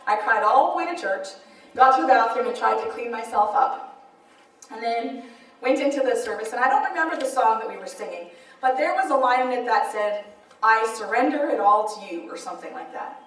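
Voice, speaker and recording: A woman speaker sharing a personal testimony in an animated, laughing storytelling manner. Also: a little high, a little fast. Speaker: author and speaker. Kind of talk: personal testimony at a church event. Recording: echoey hall, mic far off.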